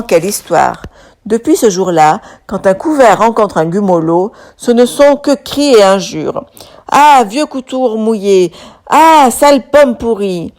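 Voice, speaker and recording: A woman reading a children's story aloud, expressive and animated. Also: mid-range voice.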